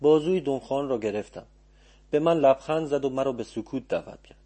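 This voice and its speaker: A man narrating an audiobook in a calm, measured storytelling manner. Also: mid-range voice.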